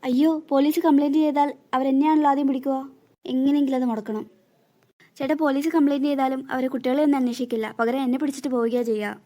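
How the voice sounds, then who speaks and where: A woman's voice: high-pitched, steady tone, fast, dark tone, lightly acted. A woman voicing a scheming, cruel stepmother in a cartoon, bossy and scolding with sly asides. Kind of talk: cartoon voice acting.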